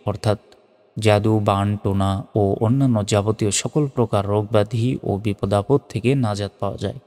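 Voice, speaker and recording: A man teaching Quran recitation letter by letter, moving between slow chanted recitation and plain spoken explanation. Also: lowish voice, darkish tone. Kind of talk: spelled-out recitation lesson. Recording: long reverb.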